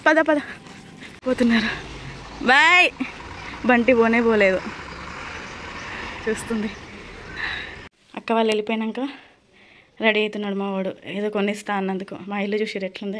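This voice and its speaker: A woman's voice: fairly even intonation, normal speed, long pauses, a little hiss or hum. A woman, a mother filming a casual family vlog while coaxing and bustling her kids along. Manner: coaxing and bustling, rising to a loud high pitch when hurrying the kids. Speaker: mother and vlogger.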